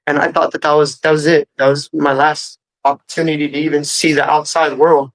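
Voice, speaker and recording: A man's voice: on the high side, flat delivery, brisk, dry recording, poor audio. A man speaking as a defendant, making an earnest, deferential, pleading appeal to a judge. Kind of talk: earnest personal plea in court.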